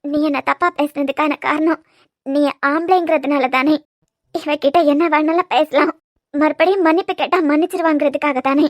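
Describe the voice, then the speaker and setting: A wounded young woman in a cartoon serial answers in short, guarded lines, voiced by a woman. Her voice sits high, and she has a Kanyakumari Tamil accent. The recording is dry and close. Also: fairly even intonation, normal speed, no echo, natural voice.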